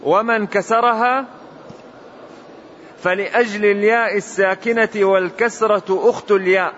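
A man reading a classical commentary aloud in a measured, deliberate recitation, as a student before his teacher. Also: high-pitched, fairly even intonation, a bit bright. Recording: dull lo-fi recording with faint hiss.

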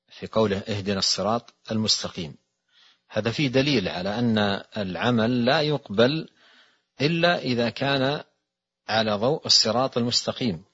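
A man speaks in a somewhat low, husky voice, giving a religious lesson at a measured pace. He often stalls on fillers and repeats words before moving on. The recording sounds dull and lo-fi. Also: fairly bright tone. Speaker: Islamic scholar giving a lesson. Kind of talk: religious lesson ending in supplication.

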